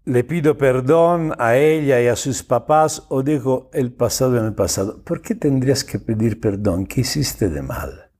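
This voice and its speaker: A man giving advice in a slow, unhurried way, and his pitch swings widely up and down. His voice is warm, dark and a little husky. He is blunt and informal, uses slang and swearing, and comments on a listener's message. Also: animated. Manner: reads out the listener's words and then comments. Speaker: advice show host. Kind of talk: casual advice talk answering a listener's message.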